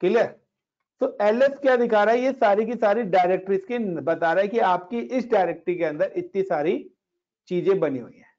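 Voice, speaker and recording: A man with a slightly high voice runs a relaxed Linux lesson, chatting his students through each step and dropping in English tech words. The sound is dull and lo-fi. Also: normal speed. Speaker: Linux instructor. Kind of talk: casual screen-share class explaining commands. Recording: dull lo-fi recording.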